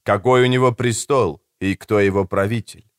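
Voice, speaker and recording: A man voicing a muscular male customer at a market stall, terse and gruff, speaking low and curt. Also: fairly even intonation, normal speed, no room sound, clean studio sound, natural voice. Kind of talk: audiobook character voice.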